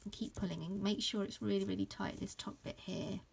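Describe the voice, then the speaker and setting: In a medium-pitched, slightly fast voice with a gravelly edge, a woman in her thirties, croaky from hay fever, teaches a casual embroidery stitch-along from upstairs at home. She rambles easily, with lots of ums, fillers and restarts, and a faint hiss is audible behind her.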